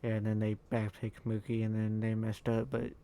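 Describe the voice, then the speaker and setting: Flat, tired-sounding man narrating gameplay. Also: vocal fry. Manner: low-key, halting, lots of ums and uhs. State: tired, yawning. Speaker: gaming YouTuber. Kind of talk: recorded voice-over commentary on own gameplay.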